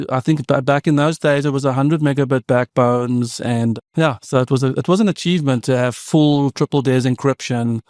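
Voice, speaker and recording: In clean studio sound without echo, a man with a mellow mid-range voice and a South African accent shares stories as a podcast guest. He's a tech founder in his fifties whose first language is Afrikaans, and his conversational interview storytelling meanders reflectively through many asides.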